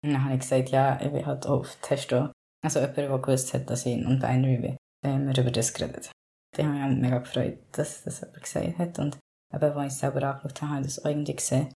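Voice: medium pitch, gravelly, mellow. A young adult non-binary vlogger, talking candidly in a rambling personal vlog with many fillers. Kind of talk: casual personal vlog monologue.

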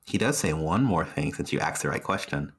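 A man narrating as game master of a tabletop game, slow and hushed in the dramatic parts. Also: extremely low pitch, animated, breathy edge.

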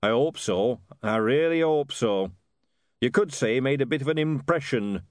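A man doing a deadpan, sardonic dwarf. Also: medium pitch, normal speed, no echo, studio quality, natural voice.

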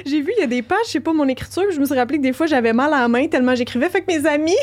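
A woman with a Quebec French accent chats casually on a podcast. Her voice sits high, and she keeps breaking into giggles as she talks. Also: racing. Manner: giggly, laughs through her words. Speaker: podcast guest. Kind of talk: casual chat.

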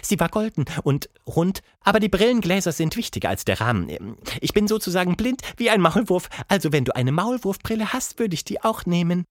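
A storyteller voicing a giant female ape who is gruff, then scatterbrained and stammering, in a children's audiobook. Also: mid-range voice, sing-song, brisk, few pauses, no echo, clean studio sound, pitched above the performer's own voice, natural voice. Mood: flustered. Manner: flustered and stammering. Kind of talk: storybook reading.

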